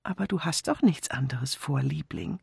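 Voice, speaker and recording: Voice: mid-range voice, sing-song, normal speed, creaky, slightly rough, dry recording, studio quality, voice pushed up, heavily acted. A reader voicing a doll-like young wife who coaxes her husband in a wheedling, whiny tone, in an audiobook. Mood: coaxing. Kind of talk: audiobook character voice.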